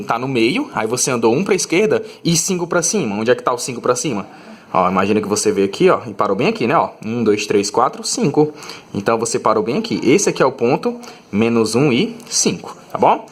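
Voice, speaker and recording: Male math teacher, mid-pitched, patient explainer who peppers the lesson with quick check-in questions. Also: breathy edge. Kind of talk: recorded classroom lesson.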